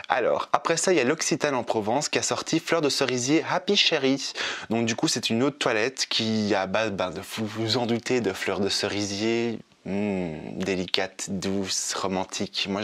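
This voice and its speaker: A man's voice: on the low side, fairly bright tone. A man chatting casually about new perfumes, laid-back and full of fillers and restarts. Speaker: perfume vlogger. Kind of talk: casual chat.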